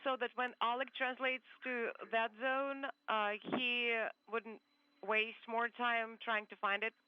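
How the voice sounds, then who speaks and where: A woman's voice: a little high, level tone, slow pace, no room sound. A woman interpreting crew talk on a space-to-ground radio loop, speaking in clipped radio protocol through a crackly transmission. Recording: dull lo-fi radio with faint static.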